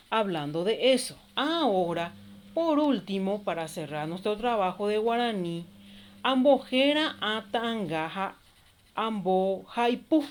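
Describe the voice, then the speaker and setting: Woman teacher, recorded class lesson, slow step-by-step explanations, mid-pitched voice. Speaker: primary school teacher.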